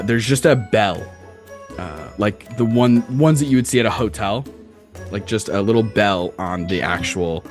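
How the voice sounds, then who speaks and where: A man narrating a tabletop game as game master, casual and descriptive, feeling his way through the scene haltingly. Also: lowish voice.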